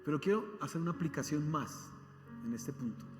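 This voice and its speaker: High-voiced preacher in an echoey hall. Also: male voice, lively intonation, a little fast. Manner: emphatic, asks the congregation rhetorical questions. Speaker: pastor. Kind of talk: sermon. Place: church. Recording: echoey hall with faint music.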